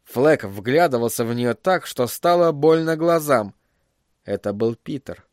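A man reading a fantasy story aloud in a measured, even storyteller's voice. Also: mid-range voice, no echo, studio quality. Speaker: audiobook narrator. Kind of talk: scripted storybook narration.

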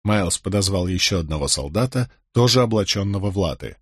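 A man narrating an audiobook in steady first person. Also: sits low, brisk, slightly rough, no room sound, studio quality. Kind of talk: audiobook reading.

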